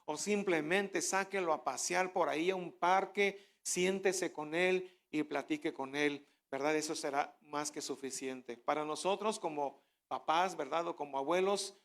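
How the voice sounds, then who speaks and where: Male pastor, middle-aged, high voice, chatty sermon that swells into fervent proclamation. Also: measured pace. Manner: conversational preaching, frequent rhetorical questions; builds to loud fervent declaration.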